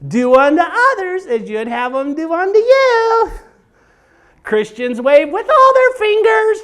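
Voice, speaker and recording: A man's voice: very high-pitched, big pitch swings, measured pace, fairly bright tone, voice pushed up, heavily acted. A man voicing his wife as a prim passenger who recites church sayings in a sing-song way. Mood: preachy.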